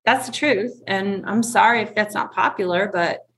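A woman's voice: medium pitch, normal speed, a bit bright. A woman in her forties, a guest in an interview, speaking bluntly and frankly with emphasis. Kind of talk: conversational interview.

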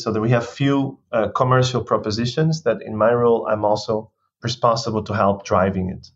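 A man in his thirties from Portugal, a guest executive talking through his career in a podcast interview, thoughtful and given to restarts. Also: lowish voice. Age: 30s. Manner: thoughtful, with restarts and non-native phrasing. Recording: dull lo-fi sound.

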